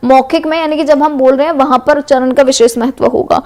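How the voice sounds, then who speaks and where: A woman's voice: sits high, fairly even intonation, quick pace, darkish tone. A woman teacher with a western Uttar Pradesh Hindi accent, going through exam multiple-choice questions in an explanatory way and often checking in with "है ना". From Uttar Pradesh, India. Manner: explanatory, repeats "है ना" and "correct है". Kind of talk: exam MCQ revision lesson.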